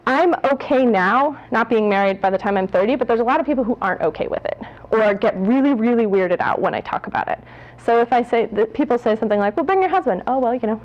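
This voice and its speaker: A woman's voice: a little high, lo-fi sound. Candid self-mocking woman in her twenties. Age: 20s. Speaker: speaker at a public talk. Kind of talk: personal talk to an audience.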